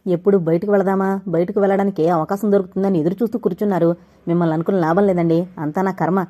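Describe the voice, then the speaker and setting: A bitter young wife and mother of four scolds her drinking husband, shrill and close to tears, as a woman narrator puts her on. Her voice climbs higher and louder than the narration. The tone stays mellow underneath, as in an audio novel. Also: steady tone, fast, lightly acted. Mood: angry, tearful.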